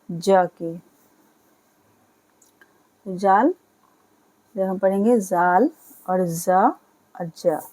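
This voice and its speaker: A woman's voice: mid-range voice, warm tone, poor audio. A woman teaching an Urdu alphabet lesson for beginners, patiently saying each letter and repeating its sound. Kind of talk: slow beginner language lesson.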